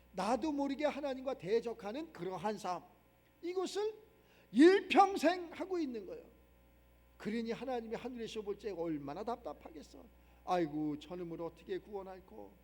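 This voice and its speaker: A man's voice: very high-pitched, darkish tone. A man preaching a sermon as pastor, emphatic and repetitive, with many rhetorical questions. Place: church sanctuary. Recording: long reverb of a church hall.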